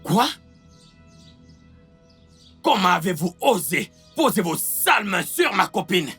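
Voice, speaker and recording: Dub voice as a wealthy man, very deep husky voice, commanding, lively pitch swings. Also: faint music behind, exaggerated voice. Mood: angry. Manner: commanding, quick to anger. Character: wealthy man defending his girlfriend. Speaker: voice actor in a French dub. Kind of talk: dubbed film acting.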